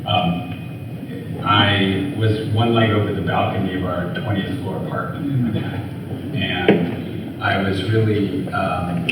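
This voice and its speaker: An American man with a very low voice, an author appearing as an onstage interview guest, tells personal stories in a rambling way, full of fillers and self-corrections, and laughs easily. He speaks into a handheld mic in a large, booming hall at a live event, picked up from far off with steady hiss and sound trouble.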